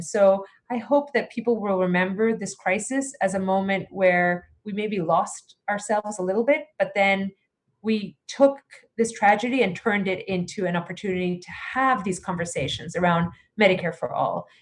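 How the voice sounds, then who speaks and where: Earnest woman candidate in an interview, grew up in greece, keeps saying you know and um. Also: medium pitch. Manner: earnest, many fillers and restarts. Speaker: congressional candidate. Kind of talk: casual interview answers.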